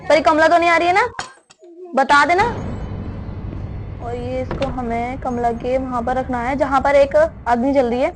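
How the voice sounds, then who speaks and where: A woman's voice: high voice, steady tone, moderate pace, pauses often, a little hiss or hum. A young woman hosting a horror game let's-play, chatting casually to viewers and keeping up a stream of questions to a helper beside her. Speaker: gaming video host.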